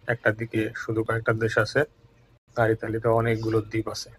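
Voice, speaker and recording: Calm, flat-voiced male language teacher. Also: on the low side, a little hiss or hum, poor audio. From Bangladesh. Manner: calm, measured, repeats each word twice. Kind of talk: recorded language lesson.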